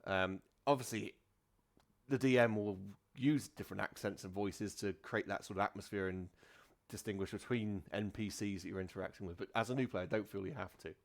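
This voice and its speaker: A man's voice: on the low side, fairly quick. A man hosting a casual tabletop gaming podcast as the dungeon master, rambling with many fillers and restarts.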